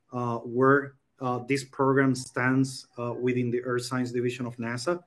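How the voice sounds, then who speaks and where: A man in his forties from Puerto Rico, giving an online conference presentation with many pauses and fillers. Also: medium pitch. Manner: hesitant, many ums and uhs. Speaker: program coordinator presenting. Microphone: video call.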